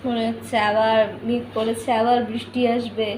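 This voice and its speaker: A woman with a high voice talks in a coaxing, teasing, sing-song way, as a parent filming her small child at home. The room around her is echoey. Faint ambience sits behind her voice. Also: flat delivery, normal speed, darkish tone, a little hiss or hum. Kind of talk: casual home video talk to a small child.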